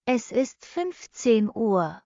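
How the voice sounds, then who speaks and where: A woman reading short practice sentences for a language lesson, saying each one twice, slowly and evenly. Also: fairly high pitch, big pitch swings, creaky, warm tone, no echo. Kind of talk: slow repeated phrase reading for learners. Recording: dull lo-fi dry recording.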